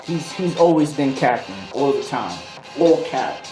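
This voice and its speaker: A man with a medium-pitched voice and lively intonation speaks at a measured pace as a video host. His storytelling is casual, slangy and rambling, improvised and prone to tangents, while music plays behind him in an echoey room.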